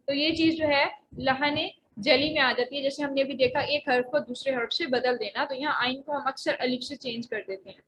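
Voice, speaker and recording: A woman's voice: sits high, bright, forceful tone, slight background noise, low-quality recording. A woman teaching Quran recitation in an online lecture, explaining pronunciation patiently with frequent hesitations. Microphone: voice only, face not shown.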